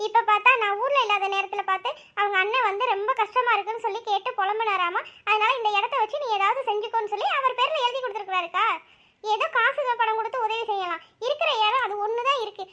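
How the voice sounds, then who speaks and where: A woman's voice: extremely high pitch, fast, pushed and bright. A woman voicing a distressed cartoon aunt pleading tearfully to her elder sister. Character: distressed aunt Selvi, wronged wife.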